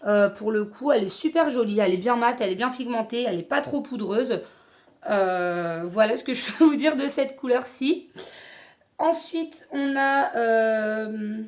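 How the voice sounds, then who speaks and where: Young female beauty vlogger, slightly high voice, chatty and halting. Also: darkish tone. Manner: hesitant, many fillers. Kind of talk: casual product review.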